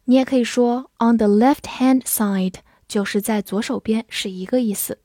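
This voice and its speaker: A woman teaching English vocabulary in a scripted lesson, spelling words letter by letter and reading example sentences slowly and clearly. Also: on the high side, warm tone, dry recording, studio quality. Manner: clear, patient explaining.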